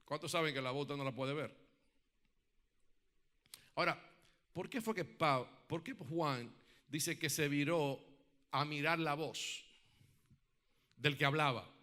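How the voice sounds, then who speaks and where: A pastor with a fairly high voice preaches slowly with long pauses, calling on the congregation to respond and asking many rhetorical questions. His sermon swings between loud, emphatic peaks and quiet, reflective passages.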